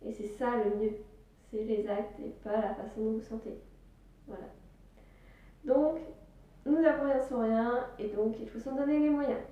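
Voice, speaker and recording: A slightly high, mellow-toned woman chatting through productivity tips in a casual vlog. She sounds set back from the mic in a very echoey room, with a loose, informal way of talking. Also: measured pace, long pauses, far from the mic, dull audio. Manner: chatty, with many fillers like "voilà" and "hop". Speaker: business vlogger.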